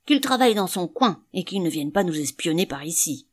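A woman reading an audiobook, voicing a grumpy old male caretaker with a gruff, curt manner. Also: on the low side, expressive, brisk.

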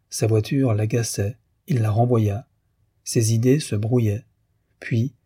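Low, husky male narrator reading a novel. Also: mellow, dry recording, clean studio sound. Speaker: audiobook reader. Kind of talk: measured literary narration.

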